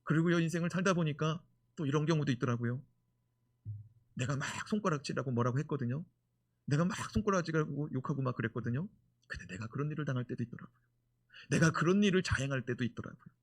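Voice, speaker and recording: A male pastor preaching a sermon in an animated way, full of rhetorical questions. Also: on the high side, fast.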